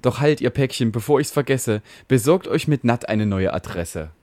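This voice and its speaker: A man's voice: medium pitch, lively intonation, moderate pace, warm tone, dry recording, close to an everyday voice. A man voicing a boastful, fatherly network router in a rhyming comic ballad, reciting in a soothing, self-important way.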